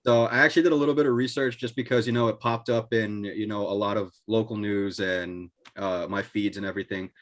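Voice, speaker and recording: A man's voice: fairly low pitch, steady tone, a little fast, few pauses. A man hosting a casual podcast over a video call, loose and joking. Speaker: host. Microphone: video call mic.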